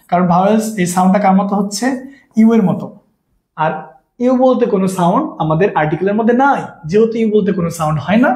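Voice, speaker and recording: A man's voice: high voice, a little mellow, echoey room. A man from Bangladesh, teaching an online English grammar lesson and asking his students the same question again and again to draw out answers.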